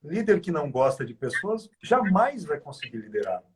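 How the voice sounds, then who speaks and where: A man's voice: on the high side, very animated, normal speed, slight background noise. A man speaking as a guest on a live chat, explaining in a didactic way, listing examples and asking rhetorical questions.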